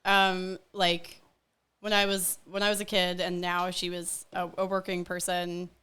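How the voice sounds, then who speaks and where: A woman's voice: on the low side, completely flat delivery, unhurried, sharp tone, clear, resonant tone. A woman talking as a guest on a casual podcast, her sentences looping through filler words. She laughs often and wanders from point to point in an easygoing chat.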